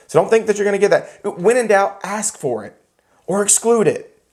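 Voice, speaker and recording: Lively male real estate instructor. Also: sits high, normal speed. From United States. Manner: animated, joking, acts out characters. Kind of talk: classroom lecture with storytelling. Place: classroom.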